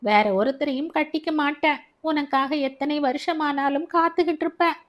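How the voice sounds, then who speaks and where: A woman's voice: moderate pace, close to an everyday voice. A woman voicing a distraught young woman who wails and pleads for her lover. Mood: pleading. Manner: wailing, pleading, high and loud.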